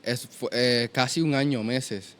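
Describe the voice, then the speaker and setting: A man in his twenties giving an earnest, halting testimony in a conversation. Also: medium pitch, fairly even intonation, a bit bright. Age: 20s. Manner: earnest, storytelling with many restarts. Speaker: guest.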